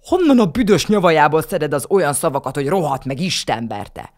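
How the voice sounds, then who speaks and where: A woman voicing a shrill, bossy old grandmother in an audiobook. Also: very animated, darkish tone. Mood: scolding. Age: older. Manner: shrill and scolding.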